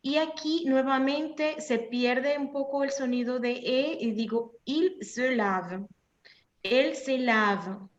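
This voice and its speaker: A slow, patient woman teacher with a fairly high voice walks students through French verb forms, spelling each ending. Her voice sits in an echoey room and comes through dull and lo-fi over a video call. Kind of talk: online language class. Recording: echoey room, dull lo-fi sound, faint noise.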